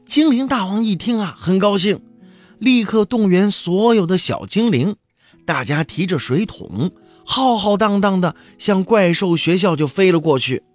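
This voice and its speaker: A man reading a children's picture book aloud, expressive and full of exclamations. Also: high voice, a little slow, soft background music. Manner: animated, expressive storytelling with exclamations. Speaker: children's storyteller.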